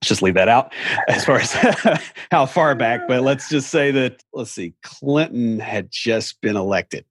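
A man's voice: medium pitch, animated, measured pace, fairly bright tone, husky, no echo, clean studio sound. A middle-aged man with an Appalachian hillbilly accent, casually explaining things in a folksy, wry way with rambling asides. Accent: Appalachian hillbilly, Southern US.

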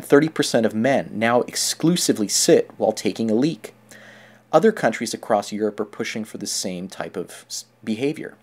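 A man's voice: medium pitch, darkish tone. A man delivering scripted opinion commentary in a sardonic, mocking manner.

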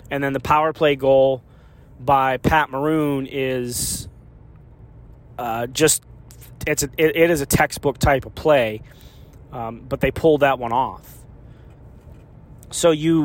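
Guy breaking down a hockey game after the final horn, chatty, hammers his points by saying them twice. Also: mid-range voice. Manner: conversational, emphatic repetition of key points. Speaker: hockey beat reporter. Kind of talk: post-game analysis monologue.

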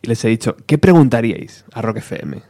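A man's voice: medium pitch, very animated, a little fast, dark tone, no echo, clean studio sound. A man hosting a podcast interview, friendly and teasing, reading out listener questions. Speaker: podcast host.

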